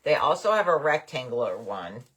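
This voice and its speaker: A woman's voice: very deep voice, big pitch swings, normal speed, fairly bright tone, breathy edge. An older woman hosting a craft livestream, chatting casually and rambling happily with her viewers. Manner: chatty, rambling, enthusiastic about bargains. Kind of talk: casual live-stream chat with viewers.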